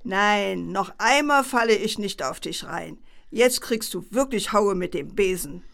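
A woman's voice: medium pitch, expressive, unhurried, gravelly, fairly bright tone. A woman voicing Gretel, a bossy puppet wife who scolds her husband, in a puppet play. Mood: scolding. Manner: scolding, exasperated.

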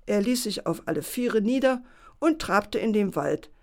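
Woman reading a kids' bedtime story, calm and steady, kinda gravelly. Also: medium pitch, normal speed.

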